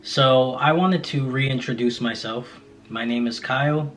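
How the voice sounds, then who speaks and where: A man's voice: mid-range voice, measured pace, a bit bright, slight background noise. A man in his late twenties, talking to camera in a casual vlog, candid and reflective with frequent fillers. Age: 20s. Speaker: content creator.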